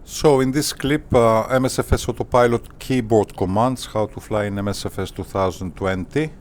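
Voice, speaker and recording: A man hosting a flight simulator channel, talking casually in deliberate, formal phrases with hesitant pauses. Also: on the low side. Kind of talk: casual tutorial commentary.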